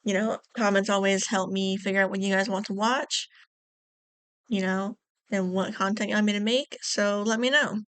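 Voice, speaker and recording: A woman's voice: medium pitch, steady tone, moderate pace, a bit bright, smooth, no echo. Earnest young woman YouTuber, dry mic. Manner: earnest, repetitive scolding, fillers. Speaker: YouTuber reading stories. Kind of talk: casual vlog commentary.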